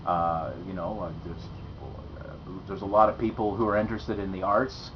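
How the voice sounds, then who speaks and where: A man's voice: fairly low pitch, steady tone, normal speed. A man hosting a philosophical monologue, talking in a hesitant way with many fillers and restarts, leaning hard on key words. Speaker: host. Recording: dull lo-fi sound with faint noise.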